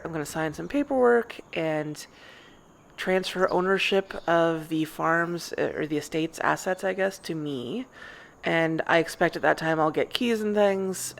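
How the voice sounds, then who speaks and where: Woman with a heavy gravelly fry. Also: fairly low pitch. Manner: chatty, rambling, wondering aloud. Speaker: roleplay gamer. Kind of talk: in-character roleplay narration over gameplay.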